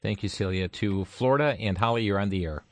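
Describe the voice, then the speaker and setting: A man hosting a call-in talk radio show, speaking with smooth radio host delivery as he takes callers and points listeners to information. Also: fairly low pitch, fairly quick.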